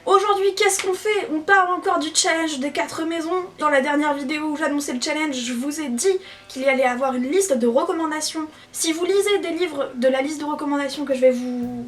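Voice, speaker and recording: Young female book vlogger, high bright voice, eager and chatty, mic a bit distant. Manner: chatty and enthusiastic, with frequent fillers. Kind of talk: casual book recommendations. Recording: voice a little off-mic, faint music behind.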